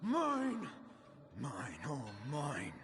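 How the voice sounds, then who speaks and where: A man's voice: fairly high pitch, wildly swooping pitch, extremely slow, a bit bright, slight background noise, heavily acted. A man playing a possessive, angry ghost with an unearthly wailing voice in a video game.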